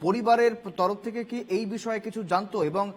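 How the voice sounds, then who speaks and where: A male news anchor reading headlines in a brisk, formal newsreader manner and handing over to a reporter. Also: high voice, fairly even intonation, big-room sound.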